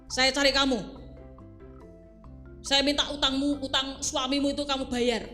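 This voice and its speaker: A woman's voice: high-pitched, little pitch movement, normal speed, in a large hall, soft background music. A woman voicing a harsh, burly male debt collector who barks orders in a children's story. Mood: bullying. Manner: loud, barking commands.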